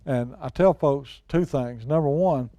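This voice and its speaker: Casual hunting talk and storytelling come from a middle-aged or older outdoors show personality appearing as a guest expert. His folksy, plain-spoken delivery is a little slow, in a mid-range, mellow voice with no echo.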